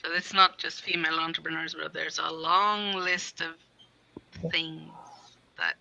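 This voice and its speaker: A woman's voice: low-pitched, little pitch movement, unhurried, creaky, pushed and bright, dull audio, a little hiss or hum. A woman from Sweden, an artist and intuitive guide, talking in a thoughtful, meandering way on a video call. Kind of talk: casual video-call chat.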